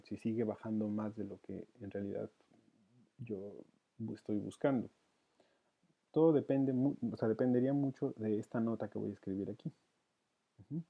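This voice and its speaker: A man teaching counterpoint, working through it aloud with hesitations. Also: medium pitch. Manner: thinks aloud with many fillers and restarts. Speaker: music teacher. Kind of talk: counterpoint lesson, thinking aloud. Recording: dull lo-fi sound.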